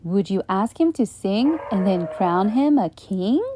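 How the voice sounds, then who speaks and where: A woman hosting a children's channel, reading a bedtime story aloud in a gentle, questioning way. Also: medium pitch, animated, unhurried, background noise. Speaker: storyteller host.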